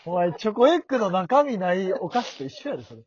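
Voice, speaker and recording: A young man with a Kansai accent trading deadpan, teasing retorts in a casual comedy podcast. His pitch moves lively through the banter, and the recording sounds dull and lo-fi. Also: fast talker. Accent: Kansai Japanese. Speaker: podcast guest.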